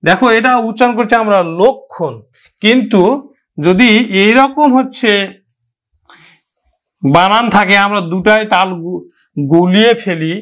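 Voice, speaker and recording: Male teacher with a high voice, patient and step-by-step, who drills example words through repetition. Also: fairly bright tone. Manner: explains slowly, repeats example words. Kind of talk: pronunciation lesson.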